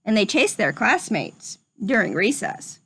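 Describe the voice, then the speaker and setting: A stern storybook school principal, played by a woman reader, firm and dismissive. The scolding is measured and unhurried, with strongly varied intonation. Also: mid-range voice, very animated, sharp tone, slightly rough, no echo, exaggerated voice, rough recording. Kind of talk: children's storybook read-aloud.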